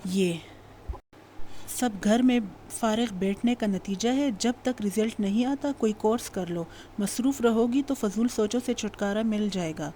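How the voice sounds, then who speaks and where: A woman voicing a brisk middle-aged mother who scolds her daughter. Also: a little high, warm tone, a little hiss or hum, lightly acted. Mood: scolding.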